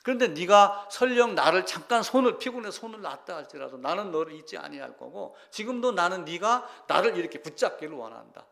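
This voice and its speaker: A man's voice: high-pitched, expressive, fairly quick, creaky, hardly any pauses, fairly bright tone. A man preaching a sermon as pastor, reading scripture aloud and asking the congregation questions.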